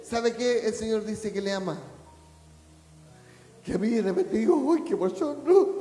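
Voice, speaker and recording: A male pastor preaching a sermon in a high voice, peppering the congregation with rhetorical questions and building to shouts. The sound is roomy, with a long church-hall reverb trailing each phrase. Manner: preaching, rising to a shout at climaxes.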